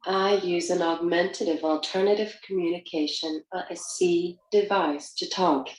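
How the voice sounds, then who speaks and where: A synthetic woman's voice, a little low in pitch, reads a prepared message from a communication device. The playback sounds echoey, as if in a room. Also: fairly even intonation, normal speed. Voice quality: synthetic text-to-speech voice. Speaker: panel guest using an augmentative communication device. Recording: roomy, echoing device playback.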